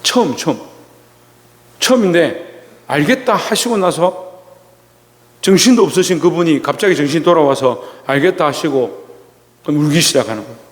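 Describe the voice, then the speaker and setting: A male pastor giving a Sunday sermon, telling a personal story slowly with many pauses and restarts. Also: fairly high pitch, lively intonation, in a large hall. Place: church sanctuary.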